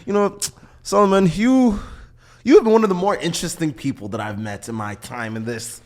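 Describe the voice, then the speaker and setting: A man's voice: fairly high pitch, a little fast. A young man hosting a podcast interview, chatting casually with lots of filler words. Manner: relaxed, talks with lots of likes and fillers. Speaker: podcast host.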